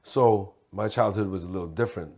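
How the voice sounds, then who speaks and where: A man's voice: deep voice, a little fast, a little mellow, slightly rough. A man, a guest talking casually in an interview in a streetwise way, often laughing. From Hong Kong. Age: 40s. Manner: streetwise, laughs while telling stories.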